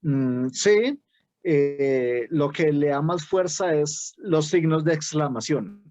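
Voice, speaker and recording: A man's voice: on the high side, slow, a little mellow, no echo. Bogotá-accented man teaching on a dull call. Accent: Colombian, Bogotá. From Bogotá, Colombia. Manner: explains with many "¿sí?" checks and self-restarts. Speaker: writing workshop teacher. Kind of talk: online workshop lecture.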